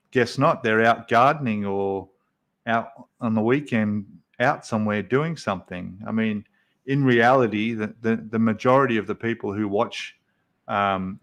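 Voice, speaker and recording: A man, hosting a casual livestream and chatting with viewers in a rambling way with many fillers. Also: on the low side. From Australia. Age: 50s. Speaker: livestream host.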